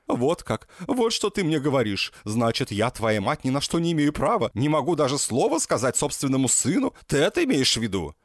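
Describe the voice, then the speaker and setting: A man's voice: medium pitch, very animated, fairly quick, few pauses, dry recording, clean studio sound, pitched above the performer's own voice. A man voicing a domineering, clingy middle-aged mother in an audiobook, with an insistent, wheedling manner. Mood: indignant. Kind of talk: audiobook character voice.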